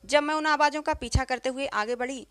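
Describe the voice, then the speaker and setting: A woman narrating a first-person story as a storyteller, in a steady, emotional reading. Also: sits high, fairly quick, dry recording.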